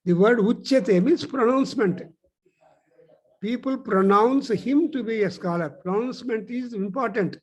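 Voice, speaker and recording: A man giving a spiritual discourse at a teaching centre, explaining through stories and pausing with "uh" as he thinks. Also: very high voice.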